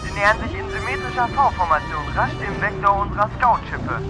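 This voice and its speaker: An actor playing an anxious, obedient young bridge lieutenant in a sci-fi audio drama, giving clipped military reports. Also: male voice, sits high, expressive, brisk. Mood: urgent. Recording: very loud music behind the voice.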